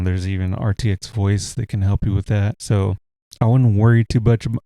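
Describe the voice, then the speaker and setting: This tech tutorial host has a deep voice and a laid-back, wandering way of explaining, peppered with fillers, in a casual screen recording. He talks into a USB desk mic with no pop filter at home, a heater running nearby, and there is no room sound.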